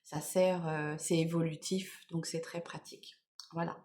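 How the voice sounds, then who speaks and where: A woman's voice: deep voice, flat delivery, unhurried, a little mellow, a little hiss or hum. A middle-aged woman chatting casually through a morning makeup vlog, tired and rambling, often trailing off and getting back on track. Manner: rambling, chatty, full of "voilà" and "bon, bref". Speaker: beauty vlogger. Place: at home in the morning.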